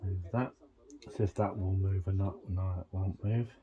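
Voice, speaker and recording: A man vlogging a casual tech walkthrough, thinking aloud in a halting, rambling way. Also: low voice, fairly even intonation, narrow, tinny audio.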